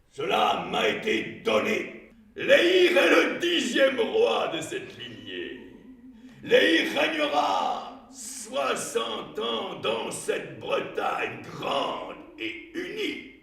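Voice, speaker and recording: Picture a proud old king, voiced by a man, bellowing his lines in a high, gravelly voice that swings wildly up and down. He drags every word out slowly. The sound is a live stage heard from a distance in a roomy, echoing space with faint music behind. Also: huge pitch swings, heavily acted. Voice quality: declaiming, shouting. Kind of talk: stage storytelling performance. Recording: echoey stage from far off.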